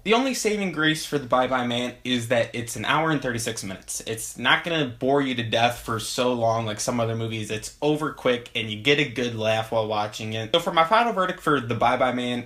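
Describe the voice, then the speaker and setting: A man's voice: medium pitch, fairly bright tone. A young man giving a casual video movie review, sarcastic and laughing while he talks.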